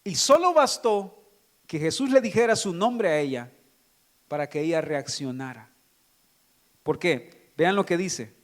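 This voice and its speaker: High-voiced man preaching a sermon. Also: animated, a little slow, pauses often. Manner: preaching with rhetorical questions to the congregation. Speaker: pastor.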